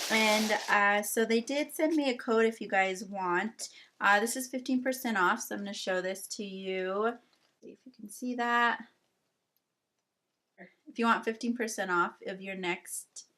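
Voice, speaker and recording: A woman's voice: medium pitch, sharp tone. Chatty woman doing a beauty haul. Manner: chatty, with many fillers like "um" and "like". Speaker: beauty vlogger. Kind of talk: casual product haul chat.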